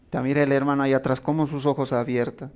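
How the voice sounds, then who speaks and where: A man's voice: medium pitch, level tone, fast talker, darkish tone. A man preaching a sermon, telling stories with acted-out quotes and asking the congregation questions.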